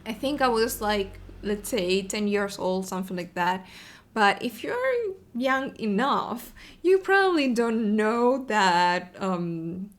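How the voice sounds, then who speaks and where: A young woman with an Argentine Spanish accent hosting a video podcast, telling her personal story in an unhurried, friendly way with many ums and restarts. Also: mid-range voice. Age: young adult. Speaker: video podcast host, web developer advocate. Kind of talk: casual personal storytelling to camera.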